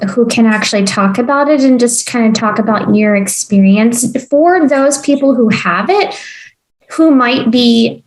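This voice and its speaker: Earnest woman podcast host, slightly high. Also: unhurried, rough recording. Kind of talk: casual conversational interview.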